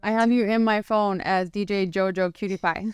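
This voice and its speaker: A woman's voice: mid-range voice, steady tone, normal speed, clean tone, dry recording, studio quality. A woman hosting a podcast interview, chatty and laughing often, with many "like" fillers. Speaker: podcast host. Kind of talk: casual interview chat.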